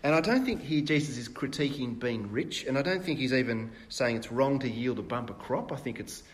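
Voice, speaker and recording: A man's voice: mid-range voice, brisk. Conversational man preaching a sermon. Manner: conversational, rhetorical questions, frequent fillers and restarts.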